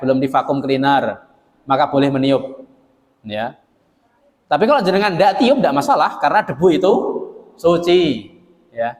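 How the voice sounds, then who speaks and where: Folksy preacher man, hall reverb. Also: on the high side. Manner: folksy and joking, addresses the audience directly. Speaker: Islamic preacher. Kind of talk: sermon to a local congregation.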